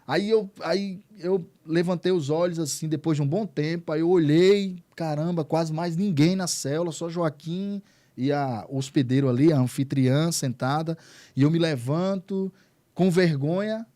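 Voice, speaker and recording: A man's voice: a little high, measured pace, warm tone. A man, a pastor, telling his testimony as an interview guest, earnest and repeating words for emphasis. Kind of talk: emotional testimony in conversation.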